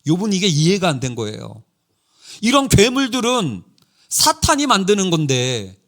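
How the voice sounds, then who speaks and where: A middle-aged man preaching a sermon in a church, telling stories with lively quoted dialogue. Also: high-pitched. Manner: animated storytelling with quoted dialogue. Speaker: pastor. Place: church sanctuary.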